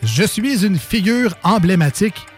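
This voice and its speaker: A man with a Quebec French accent and a bright, high-pitched voice hosts a casual radio game segment. He teases his co-host and laughs often. Soft music runs in the background. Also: animated, measured pace. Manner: playful, teasing, laughs often.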